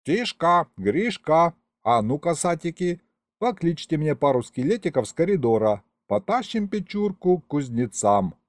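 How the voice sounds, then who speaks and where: A man voicing a gruff, folksy old grandfather cook with slow village speech. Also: on the high side, sing-song, dry recording, pitched above the performer's own voice. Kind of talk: audiobook character voice.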